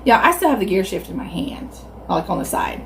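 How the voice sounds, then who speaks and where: A middle-aged woman with a Southern US accent tells stories casually while chewing her food. She is animated and acts out reactions, speaking at a medium pitch. There is clear noise in the background. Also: brisk. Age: 50s. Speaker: mukbang video host. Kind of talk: casual storytelling to viewers.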